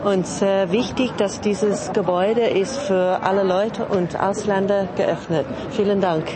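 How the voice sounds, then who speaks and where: A woman's voice: medium pitch, fairly even intonation, a little slow, crowd noise. A woman from Australia, a tourist, gives a short street interview, phrasing her words carefully and simply. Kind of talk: short vox pop. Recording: outdoor interview with clear street noise.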